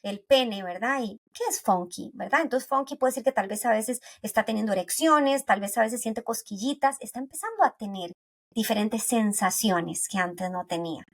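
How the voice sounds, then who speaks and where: A woman with a Costa Rican accent speaks as a guest on a podcast. Her voice sits a little high, and she explains things with everyday anecdotes, closing many sentences with a questioning tag. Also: moderate pace. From Costa Rica. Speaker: pediatric neuropsychologist guest.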